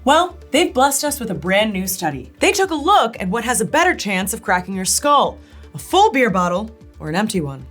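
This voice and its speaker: Woman playing a snide, lively parody news anchor. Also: a little high, normal speed, faint music behind. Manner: dry, snide, foul-mouthed. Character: cynical, snide female local TV news co-anchor.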